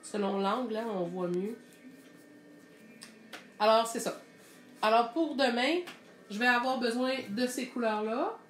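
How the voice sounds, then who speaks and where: A woman's voice: on the high side, a little slow, pauses often, echoey room, soft background music. A woman with a Québécois French accent teaching a live painting lesson, thinking aloud in a chatty way as she mixes colors.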